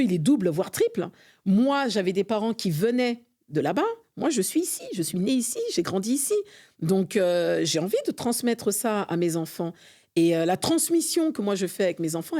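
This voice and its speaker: A middle-aged Frenchwoman, vice-president of an association, speaks as a podcast guest in a conversational interview, earnest and fervent with many hesitations. Her mid-range voice is mellow, with lively intonation at a normal speed.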